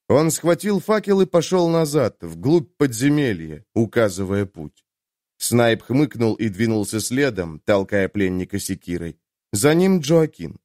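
A man's voice: mid-range voice, darkish tone, no room sound, clean studio sound. A man reading an audiobook as its narrator, in a tense, dramatic manner. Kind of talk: scripted narration.

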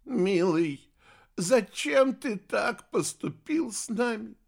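A man voicing an old sorceress, a grieving mother who speaks softly and tearfully, in an audiobook. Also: high voice, animated, slow pace, creaky, pitched above the performer's own voice, heavily acted. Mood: tender tearful. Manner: soft, tearful, pleading. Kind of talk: audiobook character voice.

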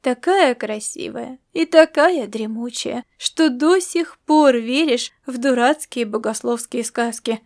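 A woman voicing a patient young man in an audiobook, soothing his grandmother with calm, gently mocking words. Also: fairly high pitch, takes it slowly, few pauses. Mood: gentle.

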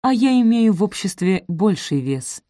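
Женщина играет властную язвительную знатную даму. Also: female voice, fairly low pitch, expressive, moderate pace, no echo, clean studio sound, natural voice. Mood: imperious. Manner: imperious, sharp-tongued. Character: commanding aristocratic older dowager lady.

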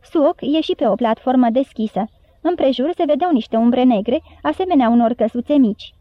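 A woman reads a story aloud at a steady, even pace. Her voice sits high. The recording is narrow and dry, like a phone line. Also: no echo. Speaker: audiobook narrator. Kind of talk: storybook narration.

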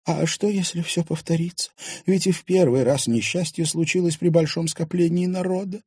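A man's voice: normal speed, a little mellow, husky, no room sound, clean studio sound. A man voicing an anxious wife. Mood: worried. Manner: worried, slightly higher voice. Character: anxious grown woman, the wife.

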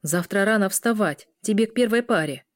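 A woman's voice: medium pitch, animated, normal speed, no echo, clean studio sound, lightly acted. A woman voicing a possessive werewolf husband who speaks in curt, commanding orders.

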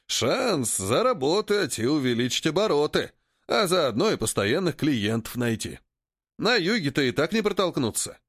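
A stocky old cart driver, as a story reader plays him, calm and wry as he explains things. His voice moves with lively intonation, recorded close and dry. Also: a little high, normal speed, no echo. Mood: lecturing. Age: older.

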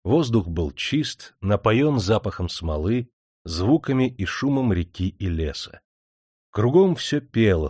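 Guy reading an audiobook, expressive and lively, dry close sound. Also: fairly low pitch, no room sound. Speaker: audiobook narrator. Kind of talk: scripted audiobook narration.

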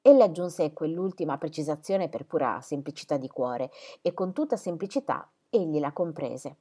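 Woman reading an old novel aloud, lowish voice, lots of lilt. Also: animated, normal speed, warm tone, breathy edge. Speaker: reader. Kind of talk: audiobook narration.

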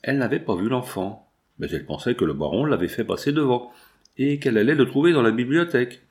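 A man reading a classic novel aloud as audiobook narration, in a measured, even storytelling manner. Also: medium pitch. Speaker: audiobook reader.

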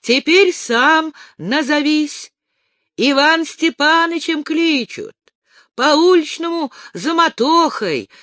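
A reader voicing a gruff old robber chieftain who shouts in rough folk speech, in a storybook. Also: high-pitched, lively intonation, takes it slowly, dry recording, studio quality, voice pushed up, heavily acted. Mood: shouting. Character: old gruff male ataman, booming.

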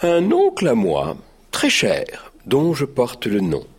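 A man's voice: mid-range voice, wildly swooping pitch, takes it slowly, slightly rough, full character voice. A man playing a mild, timid baker who tells his woeful story in tears, in a radio drama. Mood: mournful. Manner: lamenting, tearful storytelling.

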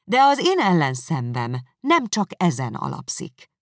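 Reader putting on a heated young woman, sharp and accusing, swings up and down a lot, dry sound. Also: mid-range voice, huge pitch swings, no room sound, voice pushed up. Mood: indignant. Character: indignant young woman, proud and sharp-tongued. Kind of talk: audiobook character reading.

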